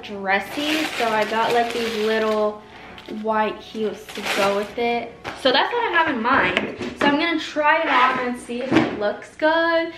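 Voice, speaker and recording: A woman's voice: fairly high pitch, fairly bright tone. A young woman from Washington State chatting casually to a handheld camera in her vlog, full of "like" fillers. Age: young adult. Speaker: vlogger. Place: home kitchen and living room, later a car.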